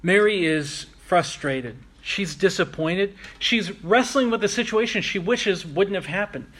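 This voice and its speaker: A man preaching a sermon, earnest and reflective, slowing down to stress key phrases. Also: high voice, animated, a bit bright. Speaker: pastor.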